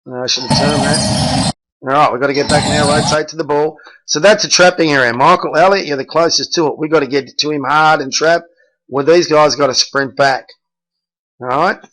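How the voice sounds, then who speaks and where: A man's voice: a little high, steady tone, normal speed, a bit bright, slight background noise, rough recording. A middle-aged man, a basketball coach reviewing game film and bluntly correcting his players by name.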